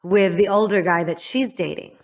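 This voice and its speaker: A woman from the Midwest speaks in a slightly low voice as a podcast host recounting her own story. She talks candidly and haltingly, and her voice drops quiet at the painful parts. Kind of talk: personal storytelling to a guest.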